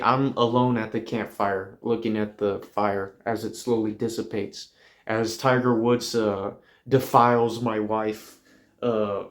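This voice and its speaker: A man hosting a podcast, telling a rambling comedic monologue in a deadpan way with lots of fillers. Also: fairly low pitch. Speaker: podcast host.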